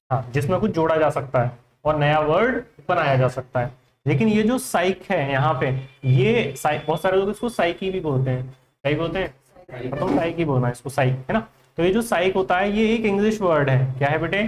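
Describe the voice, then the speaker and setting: A man's voice: fairly high pitch, lively intonation, moderate pace, a little hiss or hum. A man with an Indian accent teaching an English vocabulary class in Hindi, quizzing his students with repeated questions. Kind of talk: classroom lesson.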